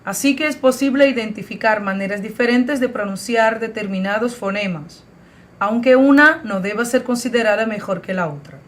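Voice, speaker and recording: A woman's voice: fairly high pitch, moderate pace. A woman from Brazil teaching a video lesson, spelling out letters and example words one at a time. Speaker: language teacher. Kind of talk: slow, careful video lesson.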